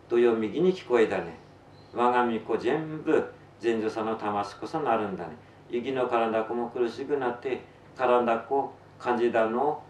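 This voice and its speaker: A man's voice in a roomy, distant recording with some hiss tells a tale in thick Tsugaru dialect. He delivers it theatrically, stretching phrases out and lifting into cries at a middling pitch. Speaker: storyteller. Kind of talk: dramatic storytelling recitation in dialect.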